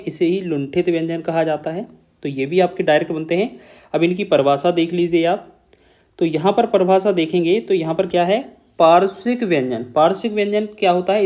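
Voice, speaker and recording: A man's voice: sits high, a little mellow. A man teaching an exam-prep lesson on Hindi grammar, explaining step by step, repeating key points and checking in with the listener.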